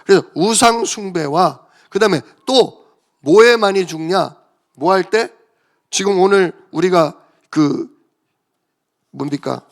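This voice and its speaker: Gravelly-voiced male pastor preaching. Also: high-pitched. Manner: conversational, asks the congregation questions. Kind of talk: sermon. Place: church.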